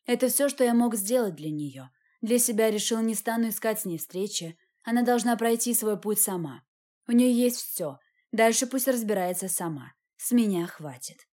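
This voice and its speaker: A woman narrates a first-person novel for an audiobook in an even, measured way. Her voice is slightly high but mellow and soft in tone. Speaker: audiobook reader.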